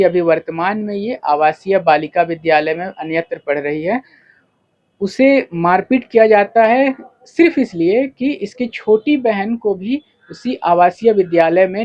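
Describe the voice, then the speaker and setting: A man's voice: sits high, darkish tone. A man working as a news reporter, conducting a field interview and explaining the story in a formal, explanatory way. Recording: dull lo-fi field recording.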